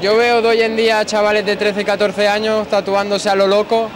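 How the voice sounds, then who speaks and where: A man's voice: sits high, flat delivery, moderate pace. A young man, a tattoo artist, chatting in a laid-back, slangy, offhand way into a handheld mic in a large expo hall. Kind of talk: casual chat. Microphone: handheld interviewer mic. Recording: noisy convention hall.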